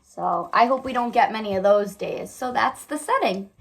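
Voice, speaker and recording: Here an elementary school teacher with a slightly high, creaky, animated voice talks at an ordinary pace. She reads aloud and gives young children a lesson, often questioning them as she instructs.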